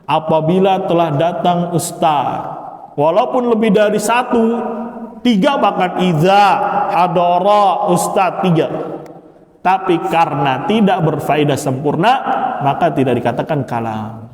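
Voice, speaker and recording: A man teaching Arabic grammar in a mosque hall, quizzing his class with rising questions and answering them himself in low, soft tones. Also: unhurried. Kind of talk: classroom lecture with call-and-response questions. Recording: roomy hall reverb.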